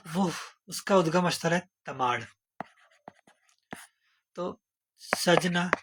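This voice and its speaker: A man teaching an exam-prep lesson, asking rhetorical questions and using playful memory tricks. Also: on the high side. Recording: noisy recording. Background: steady background noise.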